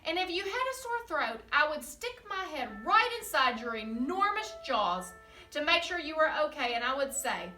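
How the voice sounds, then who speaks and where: A woman voicing a loving, patient storybook mother who answers calmly and reassuringly. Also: sits high, moderate pace, echoey room, distant mic, faint music behind, pitched above the performer's own voice, heavily acted. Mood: loving, soothing. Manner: warm and reassuring.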